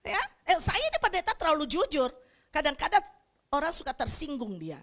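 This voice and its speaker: A middle-aged woman pastor preaching a sermon bluntly, now and then breaking into loud shouts. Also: high voice, very animated, fairly quick. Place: church hall, livestreamed.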